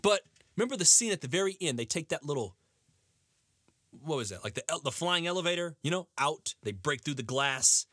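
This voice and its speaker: A man ranting sarcastically in a lively, animated way, recorded close and dry. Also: fairly high pitch, fairly quick, no echo. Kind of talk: comedic rant.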